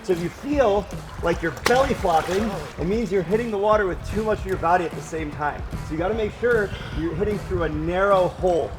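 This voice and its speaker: A man's voice: high voice, brisk. A man in his thirties coaching a group through a demonstration outdoors at a swimming pool, projecting his instructions. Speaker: swim coach and presenter. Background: background music.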